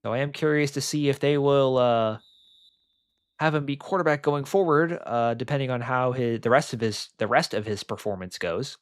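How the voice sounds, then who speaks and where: A young man doing live play-by-play commentary on an online football game, excitable and rambling, with lots of filler words. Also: mid-range voice, moderate pace, clean tone, dry recording.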